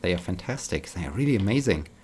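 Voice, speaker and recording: A man's voice: low-pitched, animated, fast talker, a little mellow, a little hiss or hum. A man chatting casually while playing a game, rambling and repeating words, tired but upbeat. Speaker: gaming vlogger.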